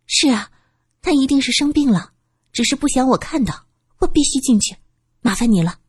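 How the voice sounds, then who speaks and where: An earnest young woman, as a narrator puts her on, urgent and insistent in a storybook reading. Her voice is husky and a bit higher than the narration, and it rises and falls widely. The sound is close and dry. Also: animated, normal speed, dry recording. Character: earnest young woman reporter, caring and determined.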